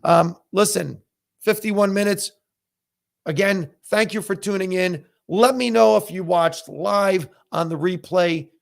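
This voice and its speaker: A high, creaky male voice, a little slow. He's a middle-aged comedian hosting a live podcast in the United States, a first-language Italian speaker giving blunt opinions casually and filling gaps with lots of fillers.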